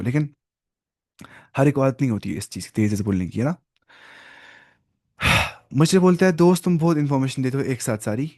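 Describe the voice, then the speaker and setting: A man in the middle of his usual pitch teaches an online Arabic lesson at a quick clip. He keeps putting questions to his learners as he explains. The sound is dry and close, with no room echo. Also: a little mellow. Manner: fast-talking, mixes in English, asks learners questions. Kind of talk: online language lesson in Hindi-Urdu.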